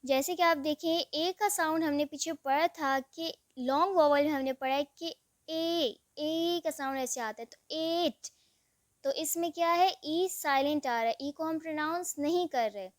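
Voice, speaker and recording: A woman's voice: high-pitched, a little slow, no room sound, studio quality. A woman teaching English vowels, spelling out words letter by letter and stretching the vowel sounds in a patient classroom manner. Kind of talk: slow classroom explanation.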